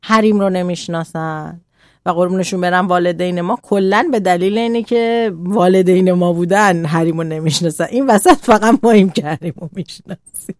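A woman talking calmly as a radio guest, explaining parenting and boundaries in a measured way. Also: on the low side, dry recording, clean studio sound.

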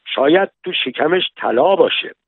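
A man voicing an eager local villager in a raised, animated voice, heard over a tinny, dry radio broadcast. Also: on the high side, slightly rough, no echo, pitched above the performer's own voice.

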